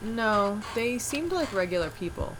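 A woman's voice: mid-range voice, a little slow, background noise. An actress playing a dry-humored wife who is groggy before her coffee, in an audio drama. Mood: storytelling. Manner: dry, deadpan.

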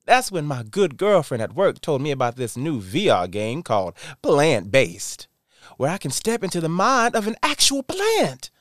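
A man's voice: fairly high pitch, wildly swooping pitch, normal speed, no echo, studio quality. A man voicing a stressed-out, exasperated woman in a parody radio ad.

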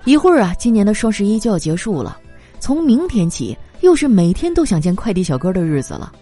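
A woman telling comic stories in a lively, animated way, laughing through her punchlines. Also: mid-range voice, brisk, soft background music. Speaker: comedy monologue performer. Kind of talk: stand-up style comic storytelling.

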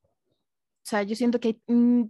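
A woman's voice: a little high, little pitch movement, slow pace, dark tone, no room sound. A woman from Mexico with a Mexican Spanish accent, explaining things in casual chat with plenty of filler phrases.

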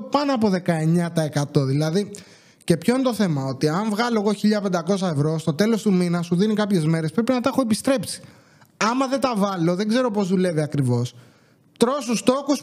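A young man hosting a podcast, telling a story in a casual, animated way and acting out what other people said. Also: high voice. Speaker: podcast host.

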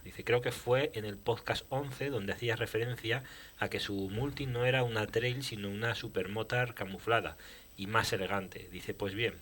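Podcast co-host, male, lowish bright voice, relaxed chat, faint hum behind. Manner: reads listener emails aloud. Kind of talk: casual chat.

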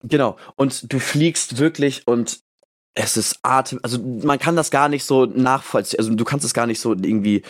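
Male podcast co-host, mid-range voice, chatty and animated, acts out his own reactions while telling a story. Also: medium pitch, moderate pace. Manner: animated storyteller, fills speech with "so" and "und so"; acts out his own thoughts as quoted lines. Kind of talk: casual chat, storytelling.

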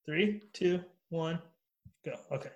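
A man's voice: a little high, slow, darkish tone, dull audio. A man hosting a radio show word game, teasing the players and swearing freely in casual banter. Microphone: studio microphone.

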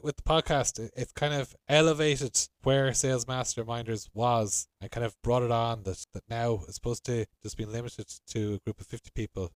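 A man's voice: fairly low pitch, no room sound. A middle-aged man with a west of Ireland accent, talking conversationally as a podcast co-host. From Galway, Ireland. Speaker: podcast co-host, hotel sales professional.

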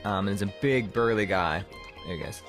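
A man narrating as game master of a tabletop game, relaxed and rambling with lots of fillers. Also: on the low side, brisk, over music.

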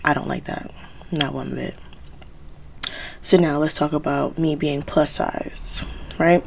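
A woman's voice: sits low, fairly even intonation, takes it slowly, creaky, a little hiss or hum. A woman in her twenties hosting a solo podcast, talking candidly and conversationally as she thinks aloud. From United States, Haitian American. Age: 20s. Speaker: podcast host.

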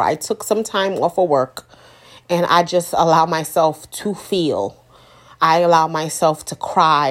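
Woman, 30s, low voice; earnest first-person testimony, emphatic repetition. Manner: earnest, emotional, repeats for emphasis. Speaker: mother sharing her story.

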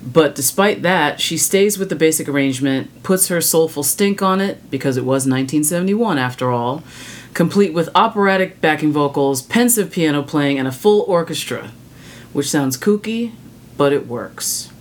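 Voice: mid-range voice, expressive, normal speed. A music podcast host with a mid-range voice delivers prepared commentary. The manner is opinionated and wry, breaking into blunt, casual asides.

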